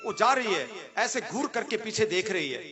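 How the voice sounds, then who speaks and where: A man telling a scripture story in a sermon as a preacher, in a dramatic, animated storytelling manner. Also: high voice, normal speed. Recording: muffled with sitar music behind.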